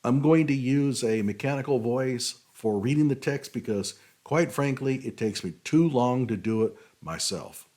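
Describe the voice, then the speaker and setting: A man's voice: mid-range voice, moderate pace, hardly any pauses, darkish tone. A man hosting his own show, critiquing a legal document in an explanatory, opinionated way with frequent fillers. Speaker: show host and technical writing consultant. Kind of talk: casual commentary critiquing a document.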